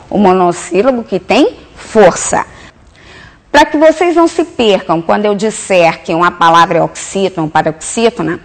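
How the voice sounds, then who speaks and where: Woman teacher going over spelling rules, pitch jumping all over, bit of gravel in her voice. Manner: explanatory, asks and answers own questions. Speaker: Portuguese teacher. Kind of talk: classroom grammar lesson.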